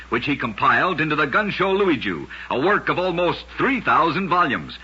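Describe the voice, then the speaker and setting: On a dull old radio recording, a man narrates strange tales in a voice that is fairly high, very rough and forceful. He gives every scripted line the dramatic weight of a storyteller, in the style of old-time radio oddity narration.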